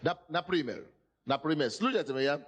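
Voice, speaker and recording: A male pastor with a husky, animated, fairly high voice preaches emphatically at a moderate pace. Russian is not his first language, yet he delivers the sermon in it, repeatedly asking the congregation whether they can hear him.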